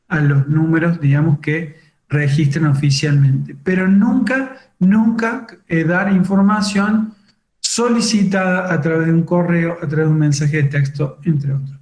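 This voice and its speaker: A man teaches an online class, explaining slides step by step. His voice sits high for a man. The sound is roomy, with noticeable echo around him. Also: darkish tone. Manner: explanatory, many fillers like "digamos" and "fíjense". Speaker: webinar instructor on cybercrime. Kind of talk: online lecture.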